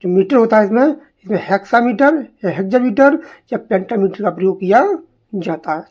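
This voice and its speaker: A woman's voice: medium pitch, lively intonation, fairly quick, darkish tone, breathy edge. A woman teaching literary terms for an exam, asking questions and answering them herself, repeating each term. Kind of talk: exam-prep literature lesson in Hindi-English mix.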